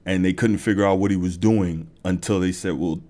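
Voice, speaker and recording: A man's voice: low-pitched, steady tone, brisk, dark tone. A man hosting a sports podcast, talking through basketball stories in a loose conversational way with many fillers. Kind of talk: casual monologue.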